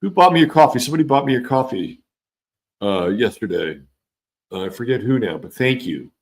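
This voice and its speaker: Fairly quick and animated in a mid-range voice, this man hosts a casual livestream with a mixed California and East Coast accent. He chats with viewers and reads their comments, wandering off, trailing away, restarting, and swearing casually.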